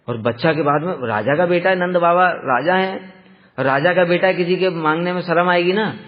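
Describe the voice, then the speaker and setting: A man's voice: high-pitched, voice pushed up, natural voice. A male storyteller voicing a doting mother who defends her little son, with an indignant, protective tone. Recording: dull lo-fi sound with long hall reverb.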